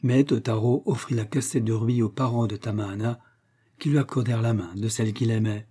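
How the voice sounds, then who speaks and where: A man narrating a classic tale in a measured, literary storybook reading. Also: on the low side, fairly even intonation, warm tone, slightly rough.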